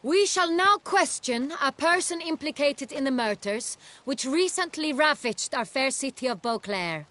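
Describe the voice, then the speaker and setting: An actress voicing a gracious ruling duchess in a video game, speaking in formal, stately court language. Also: female voice, high-pitched, expressive, measured pace, hardly any pauses, sharp tone, heavily acted. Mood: ceremonial. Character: gracious regal duchess, ruler of a realm.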